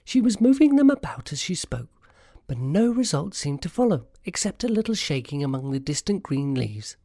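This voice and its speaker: Narrator for scripted storybook audio: medium pitch, animated delivery. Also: normal speed, dry recording.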